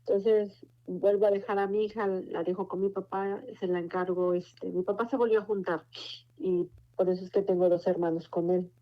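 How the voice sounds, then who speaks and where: A woman's voice: medium pitch, steady tone, moderate pace. A Mexican woman in her forties giving a personal faith testimony, telling her story in an earnest, meandering way. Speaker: testimony speaker. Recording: muffled lo-fi recording.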